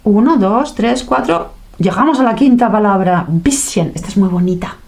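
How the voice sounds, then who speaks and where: A woman's voice: mid-range voice, normal speed, a little mellow. A woman teaching a language lesson in a playful way, acting out sounds and little reactions.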